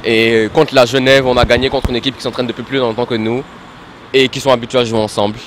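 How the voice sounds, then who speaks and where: A man's voice: medium pitch, flat delivery, fast talker, a little hiss or hum. A man answering an interview as a rugby player, speaking steadily and fairly fluently once he gets going.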